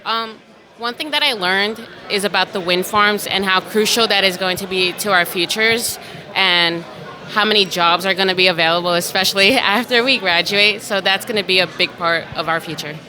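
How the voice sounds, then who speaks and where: A young woman cadet from Brooklyn gives short interview answers. Her voice is very bright and clear. She speaks in earnest, plain sentences. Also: medium pitch, moderate pace, low-quality recording. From Brooklyn, New York. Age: young adult. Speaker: college cadet.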